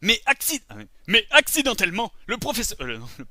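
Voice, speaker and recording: A man with a high, bright voice records a comedy show and keeps breaking. He stumbles over his lines, giggles at his own mistakes and swears under his breath. Every so often he bursts into a shout, and his pitch swings wildly all the way through. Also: very animated, brisk, dry recording, studio quality.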